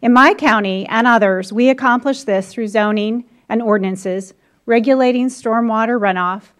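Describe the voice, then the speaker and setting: A woman, a county commissioner from the United States, reading formal testimony at a congressional hearing in a measured, deliberate manner. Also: a little high. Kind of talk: formal testimony read from prepared remarks.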